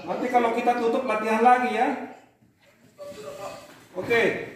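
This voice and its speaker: A man's voice: very high-pitched, flat delivery, slight background noise. A man with a Makassar accent leading cadets through chant practice in a commanding drill-instructor manner. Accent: Indonesian, Makassar. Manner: commanding, demonstrates chants in drawn-out rhythmic calls. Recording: very echoey room, voice far from the mic.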